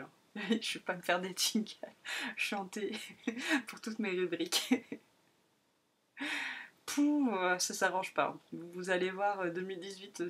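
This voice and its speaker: A woman in her thirties from France hosting a casual solo podcast, rambling with many hesitations and laughing at herself. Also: mid-range voice. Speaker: podcast host.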